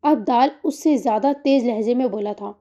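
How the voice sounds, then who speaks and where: A woman narrating an audiobook novel in a steady storytelling manner. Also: on the high side, muffled recording. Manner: steady storytelling, reads scene breaks aloud.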